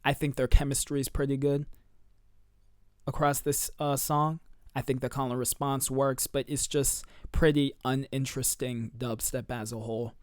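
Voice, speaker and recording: A man's voice: medium pitch, little pitch movement, normal speed, no echo, clean studio sound. Laid-back slangy young man reviewing tracks. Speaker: music reviewer. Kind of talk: casual review commentary.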